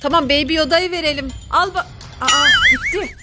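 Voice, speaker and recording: A woman in her thirties, a mother hosting a playful family vlog, talking in an excitable, mock-frightened, teasing way. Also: extremely high pitch, moderate pace, over music.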